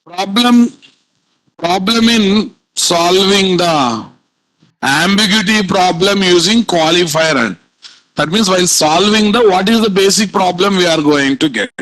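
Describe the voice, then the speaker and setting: A man's voice: sits high, fairly bright tone, dry recording, rough recording. A man with a Telugu Indian accent lecturing live as a programming instructor, repeating points and constantly quizzing his students with questions.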